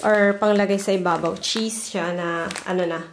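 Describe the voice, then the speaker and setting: Loud background music plays under this vlogger, a Filipino-accented woman from the Philippines listing her haul item by item in relaxed, chatty narration. Her mid-range voice holds a steady tone at a moderate pace, with a little hiss or hum.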